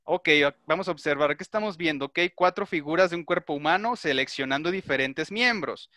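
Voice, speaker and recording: Bright-voiced male teacher, methodical. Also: on the high side, brisk, dry recording, studio quality. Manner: methodical, explains step by step and checks understanding. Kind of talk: online class lecture with questions to students.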